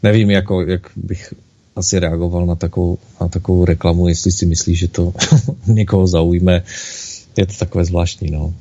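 A man's voice: deep voice, level tone, dark tone, slightly rough. A man hosting a casual chat, talking hesitantly with many filler sounds. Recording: dull lo-fi recording.

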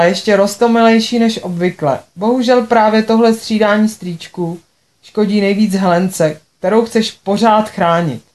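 A woman's voice: mid-range voice, darkish tone. A woman reading a first-person audiobook with a dry, sarcastic manner. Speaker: narrator.

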